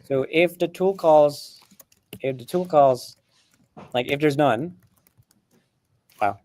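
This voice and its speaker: Speaking slowly in a warm, somewhat high voice, a man whose native language isn't English co-hosts a live coding stream. He explains chattily, laughing often and full of fillers and false starts.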